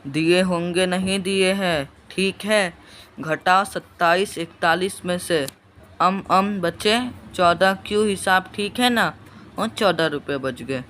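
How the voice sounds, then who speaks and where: A man reading aloud as a stern male employer who speaks with loud, raised emphasis. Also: sits high, fairly even intonation, unhurried, slight background noise. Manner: louder, raised, emphatic delivery. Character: stern male employer, mocking then lecturing.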